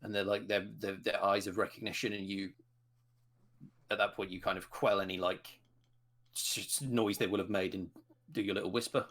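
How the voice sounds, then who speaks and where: A man's voice: lowish voice, little pitch movement, normal speed, pauses often, fairly bright tone. A man narrating as game master of a tabletop role-playing game, describing scenes with frequent restarts.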